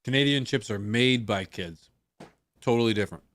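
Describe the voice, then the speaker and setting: A man's voice: medium pitch, moderate pace, a bit bright, no echo. A man streaming, chatting loosely and rambling with frequent swearing and restarts. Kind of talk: casual chat. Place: home streaming setup.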